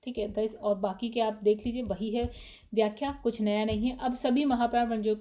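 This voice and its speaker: A woman gives a casual grammar lesson for exam candidates. Her voice sits a little high but sounds warm and mellow. She walks through each point step by step, posing questions and answering them herself, with short fillers as she reads. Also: fairly even intonation. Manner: explains step by step, often asks and answers her own questions; fillers and short pauses while reading options. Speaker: exam prep teacher.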